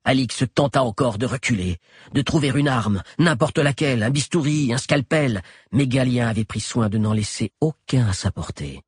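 A man narrating an audiobook with an expressive, dramatic delivery. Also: mid-range voice, husky, no room sound, studio quality.

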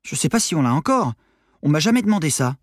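A man's voice: on the high side, very animated, fast, no room sound, clean studio sound. A man voicing a timid flustered young secretary. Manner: hesitant, flustered.

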